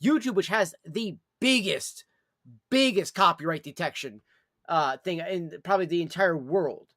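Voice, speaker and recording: A man with a noticeably high-pitched voice talks off the cuff as a live streamer. His delivery is rambling and repetitive, with blunt, sweary casual wording. The sound is close and dry, with very little room echo. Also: lively intonation, measured pace, fairly bright tone. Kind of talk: casual livestream chat.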